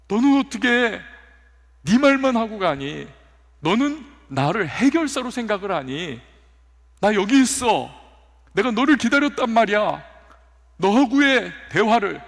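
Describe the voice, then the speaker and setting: God voice from a male pastor, hurt, plaintive, reproachful, gravelly, long hall echo. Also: high voice, exaggerated voice. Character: God, gently reproachful, longing for two-way talk.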